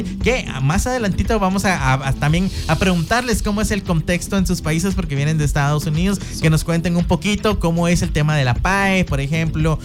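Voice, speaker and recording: Lady hosting a radio show, kinda halting, music playing underneath. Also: deep voice. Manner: halting, often searching for words. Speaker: radio host. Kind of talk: educational radio talk.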